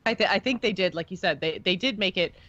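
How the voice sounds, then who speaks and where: On a slightly dull podcast recording, a female co-host talks about a video game like an excited fan, keeping things informal and conversational. She has a lowish, somewhat bright voice, animated and quick, with no room sound.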